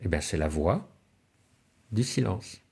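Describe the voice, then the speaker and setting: A man's voice: sits low, animated, slow, creaky, darkish tone, breathy edge. A man giving a spiritual talk on alchemy and symbolism, telling stories with rhetorical questions and sudden rises and falls in his voice. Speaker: lecturer.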